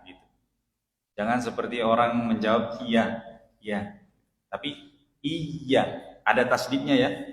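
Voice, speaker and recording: A male ustadz teaching Quran recitation in a mosque study session, patiently correcting pronunciation and chanting Arabic phrases slowly. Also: lowish voice, a little hiss or hum. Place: mosque hall. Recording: echoey mosque hall, roomy reverb.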